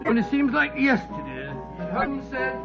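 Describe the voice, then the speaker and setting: An actor playing a genial, fussy elderly English doctor who spins yarns in a 1940s radio drama style. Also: male voice, extremely high pitch, sing-song, normal speed, creaky, exaggerated voice. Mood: reminiscing. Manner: avuncular, hemming, slightly grumbling. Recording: muffled 1940s radio broadcast, music behind.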